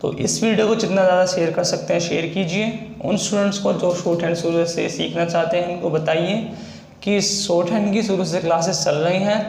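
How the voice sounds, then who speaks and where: A man's voice: sits high, creaky, darkish tone, echoey room. A man teaching a shorthand lesson in a casual, repetitive style. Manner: explains slowly, repeats sounds and steps.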